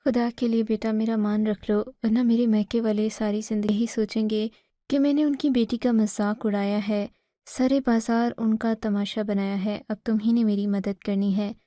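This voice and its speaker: A tearful older mother begs her son in an imploring way, as a woman narrator voices her in a storybook reading. The voice is mellow and a little high, recorded dry and close. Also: level tone, dry recording, close to an everyday voice. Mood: pleading. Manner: begging, imploring.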